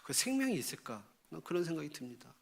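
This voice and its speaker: A man preaching a Sunday sermon as a pastor. He reads scripture slowly, then acts out God's rebuke in lively exclamations and asks the congregation rhetorical questions. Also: fairly high pitch, gravelly.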